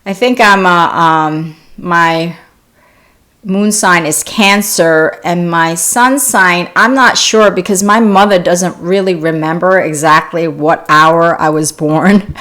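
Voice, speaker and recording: Woman host, lowish voice, casual live-stream chat with viewers, loose and unscripted, Korean-born. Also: slow. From South Korea. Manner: chatty and warm-hearted, answering viewer questions with frequent restarts. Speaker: wellness channel host.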